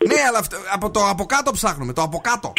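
A man's voice: high-pitched, sing-song, creaky, bright, forceful tone. A man hosting a radio call-in show in the studio, teasing callers playfully and slipping into bits of song. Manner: playful and teasing, breaks into snatches of singing. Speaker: radio host. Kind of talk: lively radio call-in chat.

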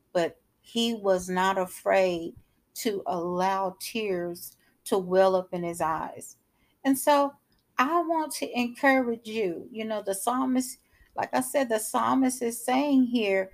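Slow, earnest woman preaching. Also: medium pitch. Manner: slow, earnest, repeats phrases for emphasis. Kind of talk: devotional sermon.

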